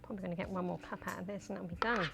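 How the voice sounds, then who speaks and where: A woman's voice: lowish voice, steady tone, very fast, creaky, over loud music. A woman with a broad New Zealand accent chatting casually and colloquially as she hosts a cooking livestream, in a jokey way. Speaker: livestream host.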